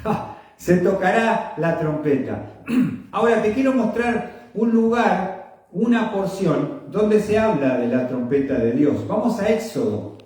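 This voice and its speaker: A man preaching a sermon slowly and emphatically, repeating his phrases and often clearing his throat. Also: high-pitched, lively intonation, darkish tone. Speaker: pastor. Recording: echoey room from far off.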